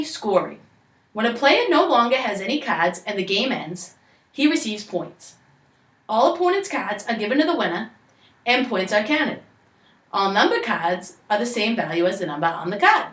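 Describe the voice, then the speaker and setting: A young woman with a Boston accent reads scripted instructions aloud like a storyteller. Her pitch moves around in a lively way at a middling height. The sound is roomy, as from a camera across a living room. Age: young adult. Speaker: presenter of a game tutorial. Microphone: camera a few metres away. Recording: echoey room, distant camera mic.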